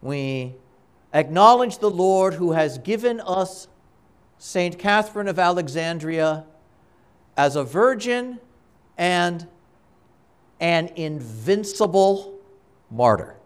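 A man speaking as a priest at Mass, reading and preaching in a measured, deliberate way with dramatic pauses between short phrases. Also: sits high, expressive, clear, resonant tone. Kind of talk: Gospel reading and homily at Mass.

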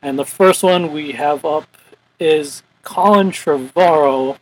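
A man's voice: fairly high pitch, slow pace, husky, low-quality recording. A man hosting a casual podcast, chatty and rambling as he talks about movies. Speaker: podcast host. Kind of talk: casual chat.

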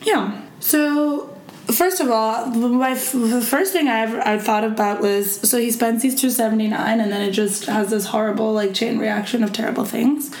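A woman's voice: a little high, moderate pace, darkish tone, a little hiss or hum. Bubbly, rambling woman podcaster. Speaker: podcast co-host. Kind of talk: casual chat. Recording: roomy echo.

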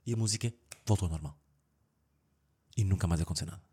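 This podcaster talks fast in a low, husky voice, his European Portuguese accent clear as he casually recounts creepy stories. He is animated, voicing the characters in shouts and laughing often.

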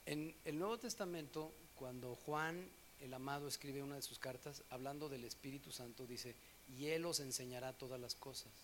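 A man preaching a sermon, telling stories with swings from hushed scripture reading to loud animated moments. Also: mid-range voice, moderate pace, few pauses, a little hiss or hum.

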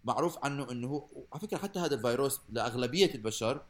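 A man's voice: mid-range voice, expressive, very fast. A young man with a Levantine Arabic accent chatting casually as a podcast co-host, often restarting and repeating his phrases. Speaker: podcast co-host with microbiology training. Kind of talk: casual comedic podcast chat.

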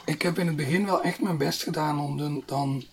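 A man's voice: on the high side, brisk, gravelly, crowd noise. A man hosting a casual podcast conversation, circling through his phrases with repetitions. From Limburg, Netherlands. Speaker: podcast host. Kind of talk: casual interview chat.

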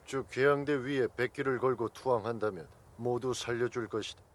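An actor playing a cold, menacing army commander in a war film, with a commanding manner. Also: male voice, mid-range voice, normal speed, natural voice. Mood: cold menace. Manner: commanding, threatening.

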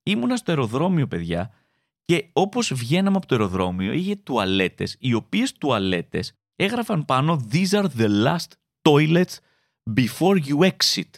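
Animated Greek-speaking man, lively pitch. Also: dry recording, clean studio sound. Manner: animated, acts out quoted voices with big pitch jumps. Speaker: comedian. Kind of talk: stand-up style comedic monologue.

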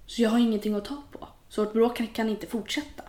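Young woman, podcast guest, lively storytelling, echoey room. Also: on the high side. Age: young adult. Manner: animated, quotes people in lively voices. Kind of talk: casual conversation. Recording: roomy echo.

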